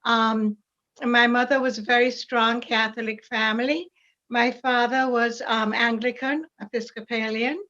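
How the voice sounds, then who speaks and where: An older woman with a Jamaican accent, calmly and reflectively recalling her upbringing as an interview guest. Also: a little high, measured pace, highs cut off. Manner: calm, reflective storytelling. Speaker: parishioner guest. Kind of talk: casual interview.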